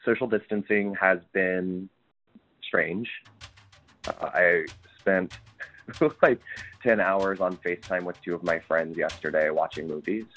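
Deep-voiced man leaving a candid voicemail. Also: slow, fairly bright tone, faint music behind, rough recording. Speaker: caller. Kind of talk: casual voicemail.

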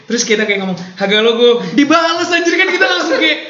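A man with a very high voice and a Jakarta accent chats away in local slang, joking as he goes. The room is echoey and the sound a bit dull. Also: very animated, fast talker, pushed and bright. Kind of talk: casual chat with anecdotes.

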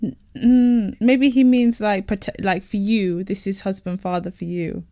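A woman's voice: mid-range voice, steady tone, a little slow, warm tone, no room sound, studio quality. A woman with a London accent co-hosting a casual podcast, chatting in slangy London street talk with teasing rants. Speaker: podcast co-host.

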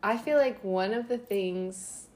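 A young woman talking slowly in a relaxed casual chat. She laughs often and fills her pauses with "um" and "like", restarting her sentences as she goes. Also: mid-range voice. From United States. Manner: giggly, halting, lots of fillers. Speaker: co-host.

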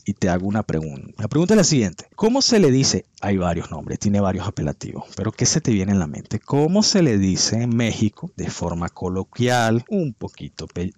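A man hosts a word-of-the-week segment, his pitch swinging widely as he quizzes his listeners in a playful, chatty way. His delivery is relaxed, and he stretches out and spells the words of the week. The recording is dry and close, with no room sound. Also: no echo. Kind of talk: lively casual commentary.

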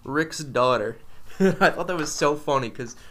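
A man's voice: on the high side, expressive, a little slow, a bit bright. A young man co-hosting a podcast in casual chat, talking in an enthusiastic, rambling way. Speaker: podcast co-host.

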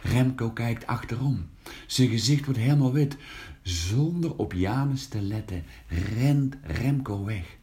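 A man reading a children's story aloud, slow and expressive, lifting his voice for the characters. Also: mid-range voice.

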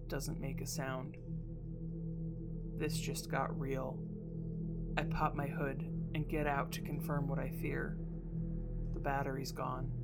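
A woman's voice: low voice, gravelly. A woman narrating a first-person horror story in a dramatic, suspenseful manner. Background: prominent music.

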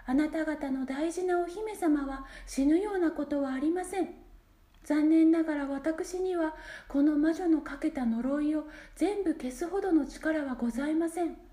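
A woman voicing a kind young fairy who speaks loudly in a formal, comforting way, in a storybook reading with room echo. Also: moderate pace, natural voice. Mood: reassuring. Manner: loud, bright-pitched, formal and comforting. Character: kind young female fairy, earnest and reassuring.

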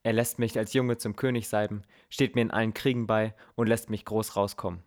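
A man's voice: on the low side, steady tone, a little fast, a little mellow, close to an everyday voice. David, a frustrated young warrior, voiced by a man. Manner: earnest, questioning, frustrated. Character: young male warrior anointed as king, troubled and bitter.

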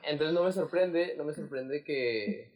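A man's voice: a little high, a little slow, crowd noise, rough recording. Chatty young man. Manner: chatty, storytelling with many restarts. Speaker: podcast co-host. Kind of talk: casual chat.

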